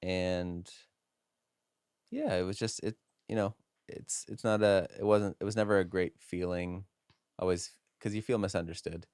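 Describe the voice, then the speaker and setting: A man's voice: low voice, fairly even intonation, moderate pace, darkish tone, smooth, no echo. A man co-hosting a casual podcast, trading dry, teasing jokes and sharing his own experiences. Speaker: podcast co-host.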